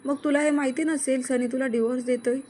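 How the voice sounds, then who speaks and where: A woman voicing a kidnapped young woman in an audio story who speaks calmly and firmly. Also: sits high, quick pace, slight background noise, close to an everyday voice. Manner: calm, firm.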